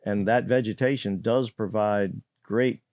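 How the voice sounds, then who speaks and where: Speaking into a boom-arm studio mic in an indoor podcast studio, an older state fisheries manager answers interview questions with care. He is measured and hesitant, frequently using fillers and starting over. His pitch is fairly low, and the dry recording sounds dull.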